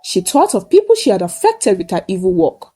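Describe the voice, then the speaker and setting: Here a woman with a mellow mid-range voice narrates a folktale at a brisk clip, her pitch swinging hugely. As a storyteller, she uses brief, plain sentences in a solemn, emphatic manner, building dramatically toward a moral at the end.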